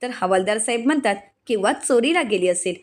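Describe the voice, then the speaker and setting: A woman's voice: on the high side, lively intonation, brisk. A woman with a Marathi accent narrating a TV serial recap, reading every character's lines in her own voice.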